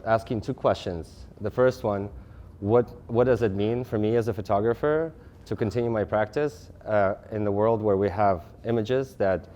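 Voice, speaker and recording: A man in his thirties from Russia giving a lecture presentation, talking fast, with frequent restarts and fillers. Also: on the low side, warm tone, slight background noise. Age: 30s. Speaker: guest speaker.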